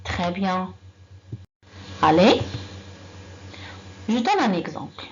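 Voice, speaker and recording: Woman teaching little kids grammar, super slow and patient, repeats stuff and asks the class, kinda dull recording with faint background noise. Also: lowish voice, big pitch swings. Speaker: primary school teacher. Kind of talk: grammar lesson for young children.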